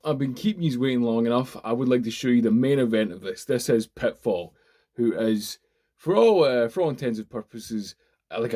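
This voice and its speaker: A man, chatting casually and excitedly while unboxing and reviewing a toy, swearing freely as he rambles. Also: mid-range voice. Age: 20s. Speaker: toy reviewer, channel host.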